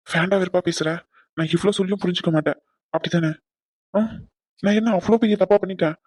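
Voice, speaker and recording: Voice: medium pitch, steady tone, fast, a little mellow, slightly rough, no room sound, studio quality, natural voice. A performer voicing a jobless husband in a cartoon, aggrieved and pleading with his wife. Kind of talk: cartoon voice acting.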